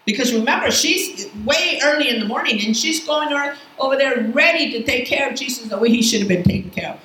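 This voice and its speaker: A woman teaching a Bible class in a casual, lively way, asking her students questions as she goes. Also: high-pitched, a little fast. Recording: echoey room, faint background noise.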